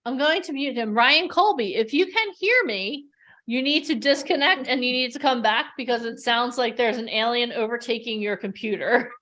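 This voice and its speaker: A woman's voice: fairly high pitch, moderate pace, sharp tone, slight background noise. Upbeat woman hosting a video-call workshop. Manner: upbeat, chatty, playful. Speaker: host.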